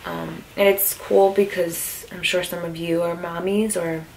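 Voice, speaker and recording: A woman's voice: on the low side, little pitch movement, unhurried, gravelly, a little mellow, a little hiss or hum. A young woman vlogging casually to her viewers, rambling with lots of fillers, tired and emotional, sometimes out of breath. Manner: rambling, filler-heavy, frequent "like". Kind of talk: casual vlog to camera.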